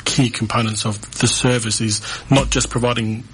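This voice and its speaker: A relaxed Australian man from North Queensland talks as a radio guest, mid-pitched and easygoing with fillers. A faint hiss of noise sits behind the studio mic. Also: moderate pace, poor audio. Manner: relaxed, laughs easily, uses fillers. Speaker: mental health service coordinator, guest. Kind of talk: radio interview.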